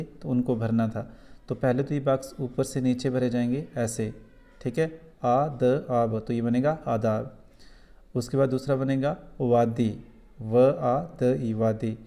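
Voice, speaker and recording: A man with a Kashmiri accent takes young students through a school lesson. He explains patiently and says things twice. His voice is warm and mellow at a middle pitch. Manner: patient, repeats points slowly for children. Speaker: teacher.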